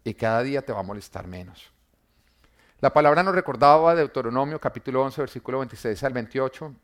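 A man, preaching an emphatic sermon that swings between loud and quiet, full of rhetorical questions and humor for the congregation. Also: mid-range voice, expressive, quick pace. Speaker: pastor.

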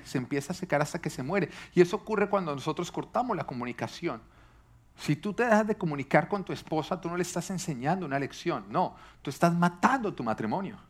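Man preaching with lively questions. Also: a little high. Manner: lively, asks the congregation questions, jokes. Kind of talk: sermon.

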